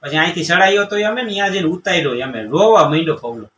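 A man, telling a comic village tale in a folksy, animated way and acting out the people in it. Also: fairly high pitch, quick pace, slight background noise. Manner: animated, acts out quoted villagers. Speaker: comedian telling jokes. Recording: roomy, distant mic with faint ambience.

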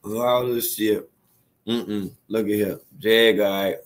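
A man hosting a profane reaction commentary, mocking and laughing loudly. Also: fairly low pitch, steady tone, takes it slowly. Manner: mocking, slangy, loud laughter. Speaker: host.

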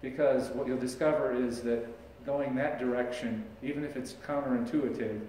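A man's voice: medium pitch, normal speed, recorded from a distance, slight background noise. Middle-aged male pastor preaching in an echoey church. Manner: conversational preaching, animated hand gestures. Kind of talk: sermon. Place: church sanctuary, large indoor room. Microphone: far camera, no visible mic. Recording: echoey church recorded from afar.

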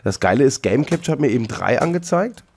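Excitable man gaming with a friend. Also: medium pitch, quick pace, gravelly, a little hiss or hum. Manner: excitable, exclaims and laughs often, jokey. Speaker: Let's Play host. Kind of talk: casual co-op gaming chat.

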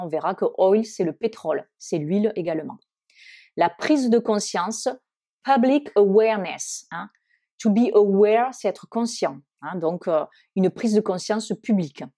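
A woman teaching English vocabulary in French, with many hesitant fillers, slowing down to model each English word. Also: mid-range voice, animated, warm tone. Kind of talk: vocabulary lesson.

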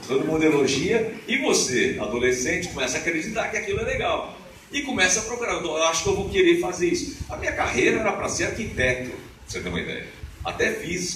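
A man in his fifties with a booming, resonant voice, giving an animated live motivational lecture with chatty asides. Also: a little hiss or hum. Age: 50s. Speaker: motivational speaker. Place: lecture hall of a spiritist association. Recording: echoey hall from far off, music behind.

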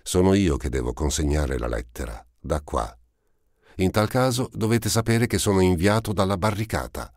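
A man's voice: low-pitched, animated, normal speed, darkish tone, dry recording, clean studio sound, pitched above the performer's own voice. A man voicing a cheeky street-urchin boy with brash, teasing retorts in an audiobook. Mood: scornful. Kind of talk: audiobook character voice.

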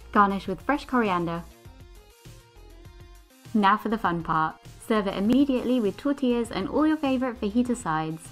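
A young woman walks through a recipe in a bright, chatty way, using plenty of slang. Her voice sits at a middle pitch for a woman. Soft music plays quietly under her. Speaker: cooking channel host. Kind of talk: casual recipe talk to camera, then voice-over narration. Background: soft background music.

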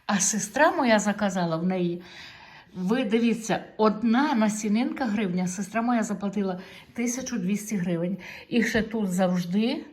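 A woman's voice: medium pitch, darkish tone. Middle-aged ukrainian woman vlogging, chatty and homely, just talking to her viewers. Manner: chatty and homely, drawn-out words. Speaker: vlogger showing tomato seeds. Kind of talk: casual chat to camera.

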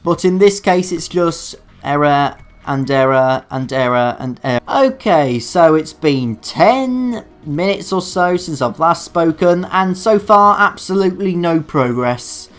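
A man commentating his own gameplay in a dark room, swearing at his failures and making sarcastic, self-mocking asides. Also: on the high side, lively intonation, measured pace, few pauses. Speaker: let's play gamer. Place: dark room alone at a computer.

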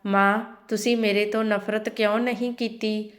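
A woman's voice: mid-range voice, flat delivery, normal speed, a bit bright, reverberant, natural voice. A woman voicing a grown, wealthy son who pleads with his mother in regret. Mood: remorseful. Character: remorseful rich grown son, tearful.

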